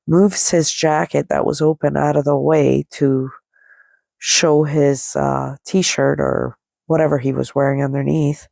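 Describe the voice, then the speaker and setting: Lying down indoors with a head cold that makes her nasal and stuffed up, a middle-aged podcast host rambles casually through a personal story, quoting what people said. Her voice is low-pitched, gravelly and a little mellow, captured in close, dry studio quality with no echo.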